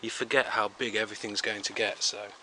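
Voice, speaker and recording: A chatty man strolls through his backyard vegetable plot, talking in an easygoing, rambling way. His voice sits fairly low, caught on the camera he films with. Steady outdoor noise hums behind him in the open air. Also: fairly quick, rough recording. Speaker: home gardener. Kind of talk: casual garden tour narration.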